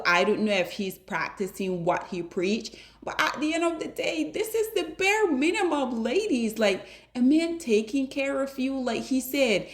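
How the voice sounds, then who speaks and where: Woman ranting to the ladies watching, preachy commentary, mid pitch. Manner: preachy, addresses viewers directly as ladies. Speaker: commentary host. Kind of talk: reaction commentary to a street interview.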